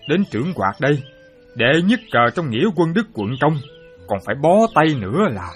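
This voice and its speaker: A loud-mouthed, boastful old soldier, acted by a man, who bursts into exclamations. His pitch leaps around with lively swings. Faint music sits under this radio play. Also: moderate pace. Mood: excitable. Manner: excitable, exclamatory. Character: excitable boastful former soldier, a chess fan.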